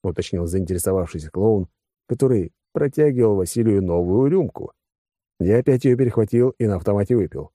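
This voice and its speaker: Male audiobook reader, deep dark tone, dry close sound, wry. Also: expressive, fairly quick, dry recording. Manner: wry, conversational. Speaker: audiobook narrator. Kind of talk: first-person audiobook narration.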